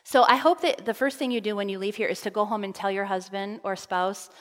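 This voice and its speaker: A woman delivers a heartfelt, conversational sermon, mixing scripture with personal stories. Her voice sits at an ordinary middle pitch. A long hall reverb trails behind every phrase. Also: brisk. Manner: earnest, personal storytelling with fillers. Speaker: speaker at a camp meeting. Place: meeting hall.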